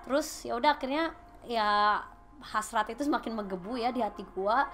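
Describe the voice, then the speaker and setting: Young woman, sundanese-tinged indonesian accent, casual chatty storytelling, slightly high voice, faint music behind. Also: moderate pace. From Bandung, Indonesia. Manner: lively, chatty, mixing in English phrases. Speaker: podcast guest.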